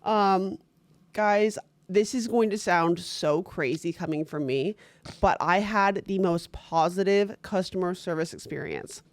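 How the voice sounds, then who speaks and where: A woman's voice: on the low side, a little slow, dry recording. A young woman co-hosting a podcast in casual chat, blunt and swearing freely as she acts out what others said. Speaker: podcast co-host.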